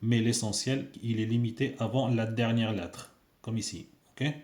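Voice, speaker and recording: A man's voice: fairly low pitch, fairly even intonation, moderate pace, a little mellow. A man teaching a casual video lesson, patiently repeating sounds for learners. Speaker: Arabic teacher. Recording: echoey room.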